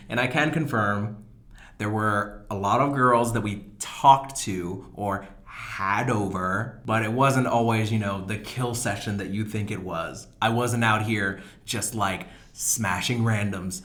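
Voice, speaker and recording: A man's voice: on the low side, normal speed, a bit bright. A man in his twenties hosting a podcast, telling stories in a rambling, self-mocking casual chat. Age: 20s. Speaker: podcast host.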